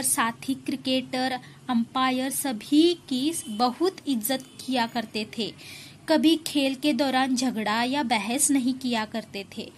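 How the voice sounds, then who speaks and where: A woman schoolteacher explaining a reading lesson to children, asking questions and answering them herself, with faint background hiss. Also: sits high. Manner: asks questions and answers them herself, repeats key lines. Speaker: school teacher.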